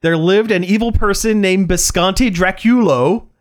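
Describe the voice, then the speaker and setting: A man's voice: sits high, normal speed. A man co-hosting a podcast, talking casually in a rambling way, often restarting his sentences. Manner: rambling, restarts, reads aloud. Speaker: podcast co-host. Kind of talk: casual chat.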